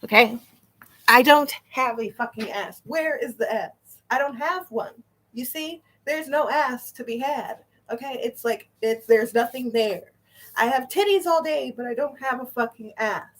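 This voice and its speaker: A woman's voice: on the high side, unhurried. A woman delivering an indignant, profanity-filled rant straight to the camera. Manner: swearing, indignant, emphatic. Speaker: vlogger.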